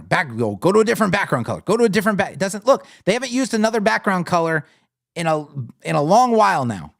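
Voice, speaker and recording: Blunt man hosting a live web design critique. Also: high-pitched. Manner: blunt, thinking aloud while scrolling. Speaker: web design show host. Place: home studio with lights on.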